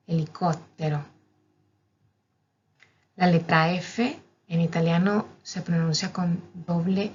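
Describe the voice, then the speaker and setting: A woman's voice: on the low side, breathy edge. A woman teaching a language lesson, carefully spelling out each letter and example word. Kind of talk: slow, methodical teaching. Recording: dull, lo-fi recording.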